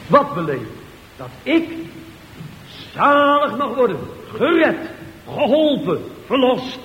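High-voiced fervent male preacher, echoey church. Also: big pitch swings, slow pace, highs cut off. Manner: fervent preaching, rhetorical questions, swings between loud and hushed. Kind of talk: sermon. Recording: echoey church hall with faint hiss.

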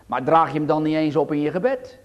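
A man preaching a sermon in a church, swinging between loud appeals and hushed asides. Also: on the high side, a little fast, highs cut off.

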